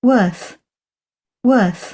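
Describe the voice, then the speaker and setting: A woman on a recorded clip says single words for students to copy. She speaks very slowly, one word at a time. Her voice is mellow and husky. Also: fairly high pitch. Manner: slow, careful single-word pronunciation. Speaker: recorded pronunciation model.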